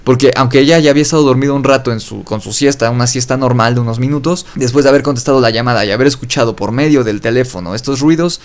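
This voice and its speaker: A man's voice: medium pitch, fast, few pauses. A man hosting his own podcast, telling an eerie story in a loose, conversational way and often correcting himself mid-sentence. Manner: loose spoken retelling with fillers and self-corrections. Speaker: podcast host. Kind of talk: casual storytelling narration.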